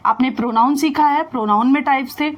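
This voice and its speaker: A woman teaching an English grammar lesson in Hindi mixed with English, explaining step by step, asking the learners questions and slowly repeating the words she drills. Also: sits high.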